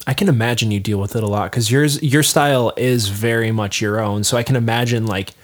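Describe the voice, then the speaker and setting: A man's voice: medium pitch, steady tone, fairly quick. A man hosting a casual podcast chat, a musician who states his views emphatically and at length.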